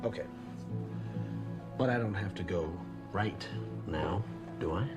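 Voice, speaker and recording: A man in a secret affair in a TV crime drama. His voice is lowish, smitten and teasing, under loud music. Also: takes it slowly. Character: smitten, teasing secret lover, reluctant to leave. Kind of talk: television crime drama acting.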